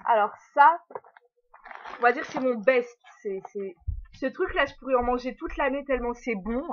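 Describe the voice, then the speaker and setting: At normal speed and fairly high pitch, a young woman chats and giggles through a home haul video, sprinkling in small hesitations and addressing her puppy. The dull lo-fi recording carries a little hiss or hum.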